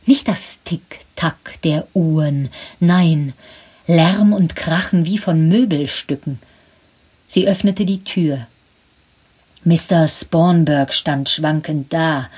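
A woman narrating a story in measured scripted storytelling with a husky voice. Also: sits low, darkish tone.

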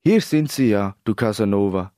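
A man's voice: on the low side, expressive, normal speed, warm tone, no room sound, clean studio sound, natural voice. A man voicing a young male footballer, the protective older brother, in a storybook reading. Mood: teasing. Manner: teasing then indignant.

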